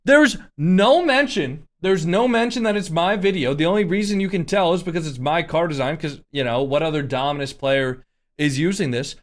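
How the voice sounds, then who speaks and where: A man's voice: on the high side, fairly quick. A young man streaming a game, chatting casually in a rambling way full of fillers and restarts. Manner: rambling, filler-heavy, indignant. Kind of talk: casual live-stream chat.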